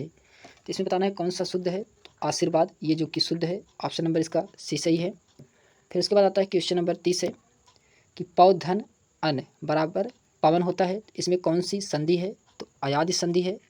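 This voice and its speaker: In this exam prep lesson, a high-voiced man with a darkish tone reads through past questions one at a time. He gives each answer, says it again, and explains it, slowly sounding out examples.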